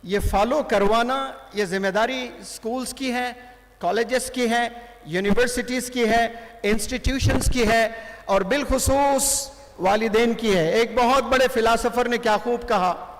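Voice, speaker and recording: A man with a very high-pitched voice gives a motivational lecture to students, speaking a little slowly but emphatically and switching between Hindi-Urdu and English. He's in a large hall with an audience, and the sound is reverberant.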